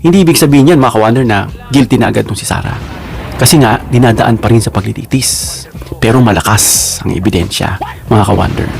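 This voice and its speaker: A man with a lowish, gravelly, slightly mellow voice offers casual political commentary as a vlogger. Chatty and emphatic, he keeps checking in with viewers by repeating "no?" and slows down to stress key words.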